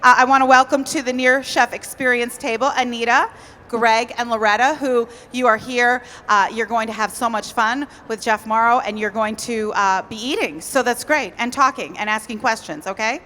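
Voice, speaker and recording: A woman's voice: fairly high pitch, normal speed, bright, forceful tone, long reverb tail. A woman hosting a live cooking stage at a convention, bubbly and a little flustered. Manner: bubbly, flustered, laughing at herself. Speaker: event emcee. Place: large convention hall stage.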